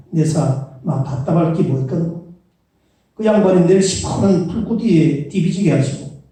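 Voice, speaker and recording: A blunt, gruff Gyeongsang man speaks in clipped phrases, pitched well above a plain voice, as a pastor puts him on. The tone stays dark. The sound rings through a large church, caught from far off. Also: lightly acted. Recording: echoey church hall from far off.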